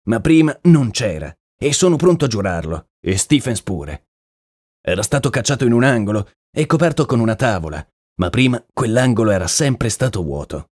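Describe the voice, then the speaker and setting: A man's voice: on the low side, very animated, moderate pace, a little mellow, husky, no echo, studio quality. A man voicing an earnest, uneasy male horse trainer in an audiobook, talking plainly and deferentially. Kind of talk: audiobook character reading.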